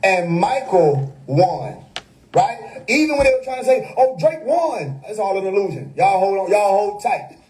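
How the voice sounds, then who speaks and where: A man's voice: high voice, very animated, normal speed, a little mellow, rough recording. A man, hosting a casual livestream monologue that preaches hidden meanings with wordplay and frequent laughter. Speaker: livestream host. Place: home.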